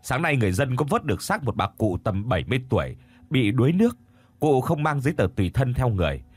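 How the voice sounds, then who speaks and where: Man voicing a deep-voiced formal police colonel. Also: sing-song, quick pace, a little mellow, breathy edge, dry recording. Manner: formal, official.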